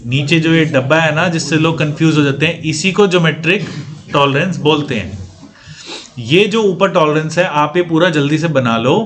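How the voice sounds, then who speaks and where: A man's voice: on the high side, a bit bright. A man lecturing a class on engineering drawing, quizzing students and repeating key points. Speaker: CAD training instructor.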